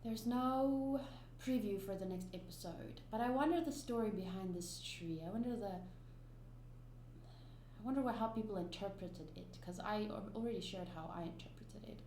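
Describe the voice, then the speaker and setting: Speaking at a moderate pace with a medium-pitched, mellow voice, a woman offers casual reaction commentary as an anime YouTuber. She's a native Afrikaans speaker who rambles emphatically, with many fillers and restarts. A faint hum and roomy echo fill the recording.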